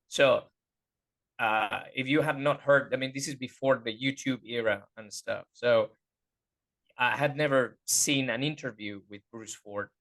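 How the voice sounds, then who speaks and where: A man, a voice teacher being interviewed, talking casually and often pausing to search for words. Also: mid-range voice, a bit bright. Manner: hesitant, searching for words, many fillers. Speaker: guest voice teacher.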